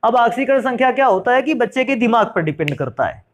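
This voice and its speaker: A man's voice: very high-pitched, big pitch swings, quick pace, a little hiss or hum. A man teaching chemistry who asks his students questions and answers them himself, calling them "beta" and "bhaiya" in a friendly classroom lecture.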